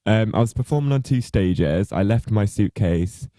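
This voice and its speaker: A man with a fairly low, mellow voice tells a backstage story in casual podcast chat. He swears freely and throws in dramatic quoted voices. The sound is dry and close. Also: expressive, normal speed, dry recording. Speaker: podcast co-host, drag queen.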